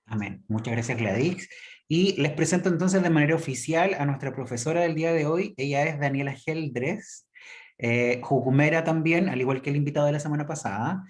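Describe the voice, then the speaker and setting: A man's voice: on the high side, fairly quick. A man hosting an online class, introducing the speaker politely with many hesitant fillers. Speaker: class host.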